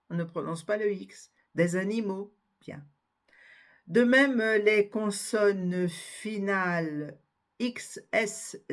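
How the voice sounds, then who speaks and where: A woman giving a spelling and pronunciation lesson, slowly spelling out letters and examples one by one. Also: mid-range voice. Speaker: French teacher.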